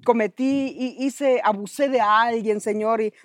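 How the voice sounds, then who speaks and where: A woman co-hosting a conversational bible teaching, animated and acting out prayers as she explains. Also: a little high, measured pace, no echo. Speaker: co-host of a bible teaching podcast.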